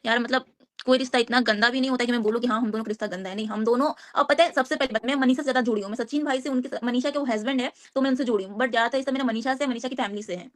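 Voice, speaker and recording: A woman's voice: a little high, steady tone, racing. A woman speaking as a guest on a live stream panel, rambling and repeating herself as she defends herself.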